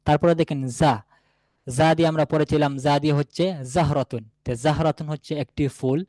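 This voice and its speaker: A man's voice: a little high, steady tone, darkish tone, no room sound. Patient man teaching Arabic letters. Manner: patient, repeats each example word slowly. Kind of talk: classroom lesson.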